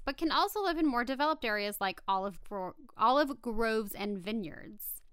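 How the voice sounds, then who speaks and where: A woman co-hosting a casual animal-facts podcast, reading from notes with chatty asides and an expressive, playful way of talking. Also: on the high side, clear, resonant tone, dry recording. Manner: giggly, expressive, stumbles playfully over scientific words. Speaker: podcast co-host.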